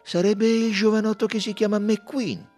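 A man's voice: high-pitched, fairly even intonation, normal speed, a little mellow, soft background music, voice pushed up, lightly acted. A man reading an audiobook, voicing a fussy, probing older male detective who questions in a coaxing, insistent way.

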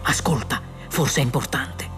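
A man's voice: medium pitch, measured pace, music in the background, natural voice. A man voicing Ford, a cheerful, smug alien who talks in a breezy, teasing way in an audiobook. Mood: urgent. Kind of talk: audiobook character voice.

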